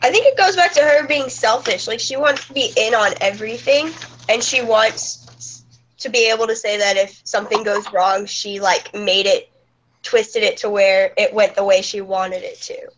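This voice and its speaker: A woman's voice: medium pitch, normal speed, slight background noise, low-quality recording. Casual teen girl on a video call. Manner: casual, self-deprecating. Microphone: laptop on a video call.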